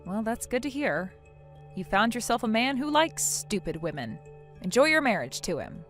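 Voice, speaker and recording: A woman's voice: fairly high pitch, sing-song, normal speed, fairly bright tone, faint music behind. A woman playing a weary, sarcastic younger sister in a scripted audio story, speaking in a dry, curt, guarded way.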